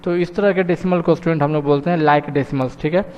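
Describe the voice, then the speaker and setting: A man's voice: a little high, fairly even intonation, fairly quick, clean tone, big-room sound, dull audio. A man teaching a math lesson patiently, often checking in with his students. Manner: patient, repeats "thik hai" and "students" often.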